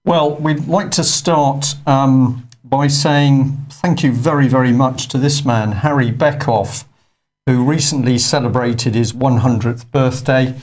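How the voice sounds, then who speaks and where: A man's voice: medium pitch, fairly even intonation, measured pace, a little mellow. A man presenting an online news show in a conversational, hesitant way with frequent fillers. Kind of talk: unscripted studio news talk.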